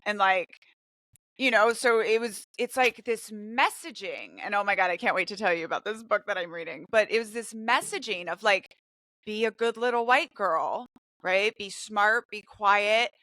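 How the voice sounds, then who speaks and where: A woman who grew up in Brazil and Mexico hosts a casual podcast conversation, talking candidly and animatedly. Her voice is bright and forward, and the room sounds dry and close. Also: mid-range voice, normal speed, dry recording. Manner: candid, animated personal storytelling. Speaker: podcast host. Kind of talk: casual chat.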